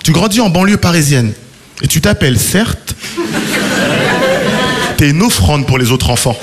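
A man's voice: on the high side, expressive, moderate pace, very noisy. A man in his thirties from France, performing a self-mocking stand-up routine. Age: 30s. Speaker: stand-up comedian.

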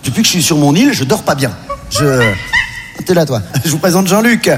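A man performing as a strange castaway living alone on an island, rambling and hesitant in a low mumble. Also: animated, a little fast, natural voice. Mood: dazed, rambling. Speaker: stand-up comedian. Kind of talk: stand-up character monologue. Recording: long hall reverb, clear background noise.

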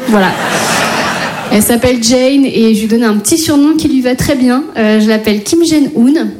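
A woman's voice: on the high side, normal speed. Wry woman comedian with a noisy recording. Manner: wry, self-mocking storytelling. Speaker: stand-up comedian. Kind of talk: stand-up routine.

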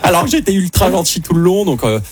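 A man in his twenties, a guest content creator from France, chatting casually in a studio and telling stories in a relaxed, quick way. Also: high-pitched, over loud music. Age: 20s. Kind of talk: casual chat. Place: radio studio.

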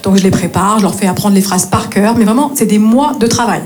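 A woman from north-east France telling an animated stand-up story on a club stage, peppering it with "hein" and laughing asides. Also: medium pitch, brisk. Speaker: stand-up comedian. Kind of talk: stand-up comedy set. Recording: live club recording with crowd noise. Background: audience laughter.

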